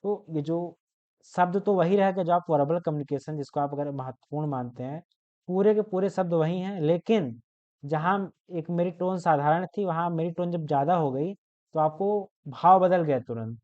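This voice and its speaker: A man's voice: fairly high pitch, moderate pace, a little mellow, lo-fi sound. A young man in his twenties teaching an online class, explaining with everyday examples and often checking in with his students. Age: 20s.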